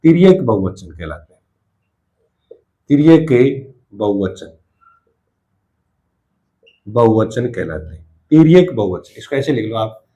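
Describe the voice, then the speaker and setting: A man's voice: lowish voice, very animated, takes it slowly, pauses often, mellow, lo-fi sound. A man teaching a Hindi grammar lesson for exam preparation, repeating key terms and drilling example sentences one by one.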